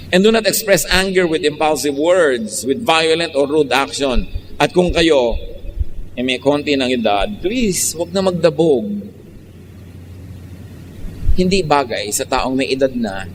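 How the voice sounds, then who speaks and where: A man's voice: medium pitch, big-room sound, slight background noise. A man from the Philippines with a Filipino accent preaching a sermon, switching between Tagalog and English in an emphatic, teasing way.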